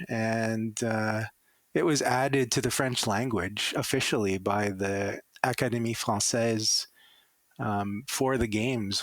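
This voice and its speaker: A man's voice: medium pitch, fairly bright tone, no room sound. A man with a Canadian accent, a former Paralympic athlete, answering interview questions with enthusiastic stories. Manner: enthusiastic storytelling.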